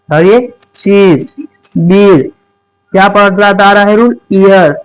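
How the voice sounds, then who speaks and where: A man teaching an English reading lesson at a board, repeating questions and answering them himself, slowing down to spell out letters. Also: high-pitched, smooth, rough recording. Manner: repetitive call-and-response questioning; emphatic, slows down to spell out letters.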